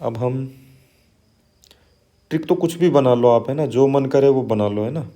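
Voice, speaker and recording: A man teaching an exam-prep lesson in a conversational way, often adding "है ना" and reading lists of names slowly one at a time. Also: medium pitch, dark tone. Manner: conversational, frequent "है ना" and "ठीक है" tags.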